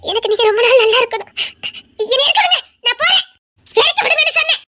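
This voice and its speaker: A woman's voice: very high voice, expressive, fast, bright, forceful tone, exaggerated voice. A woman voicing a frightened, tearful young wife who insists on leaving, in an audio drama. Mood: agitated.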